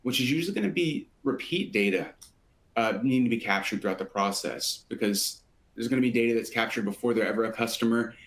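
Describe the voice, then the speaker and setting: A man from a sales team hosting a live software webinar, walking listeners through the agenda in a steady, polished presenter manner. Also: mid-range voice, quick pace.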